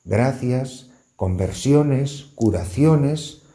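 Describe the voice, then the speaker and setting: A man's voice: medium pitch, animated, extremely slow, warm tone. A man preaching as a priest, earnest, with rising emphasis on key words and a faint music bed behind. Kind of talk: sermon.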